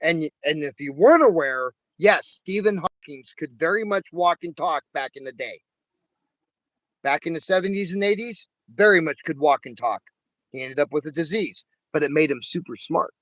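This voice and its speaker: A man hosting a live stream in casual chat, joking and rambling, with a quick wit. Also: on the high side, lively intonation, fairly bright tone, no echo. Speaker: stream host.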